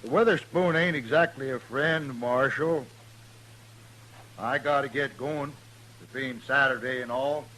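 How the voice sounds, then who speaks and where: A noisy vintage radio Western features an actor voicing a menacing, stubborn backwoodsman with an Ozark mountain accent from the American South. His medium-pitched voice is bright and forceful, and his rustic speech comes across as blunt and slow-witted.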